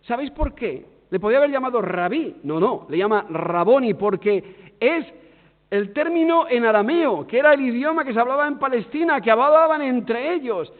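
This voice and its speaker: Male preacher, accent from Spain, high lively voice, tinny sound with long hall echo. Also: moderate pace. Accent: Spain Spanish. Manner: expressive, swings between loud emphasis and hushed tones. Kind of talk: sermon.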